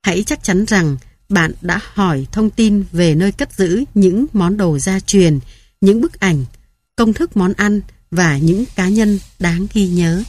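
A woman reading an audiobook in a calm, measured narration. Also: medium pitch, dry recording.

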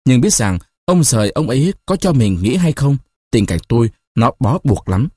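Man as a shy, gentle village lad. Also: mid-range voice, sing-song, moderate pace, husky, no echo, studio quality. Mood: pleading. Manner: gentle, hesitant.

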